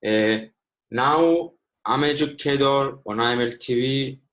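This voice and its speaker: Teaching trading live online on a video call, a Greek-speaking Cypriot man in his twenties talks in an unhurried, mid-range voice with a fairly bright tone. He uses "okay" frequently as a filler, and his English is slightly broken.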